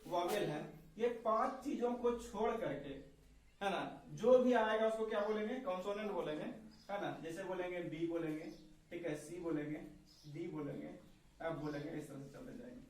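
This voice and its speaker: Male classroom teacher with a high voice, calling out questions, recorded from far off in an echoey room. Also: moderate pace. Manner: asks questions often and repeats them. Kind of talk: classroom lesson with call-and-response.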